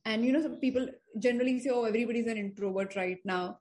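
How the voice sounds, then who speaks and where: Lady hosting a podcast, higher voice, asks probing stuff, lots of mm-hmms. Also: fast talker, a little mellow. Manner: probing, affirming listener. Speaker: podcast host. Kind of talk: interview questions.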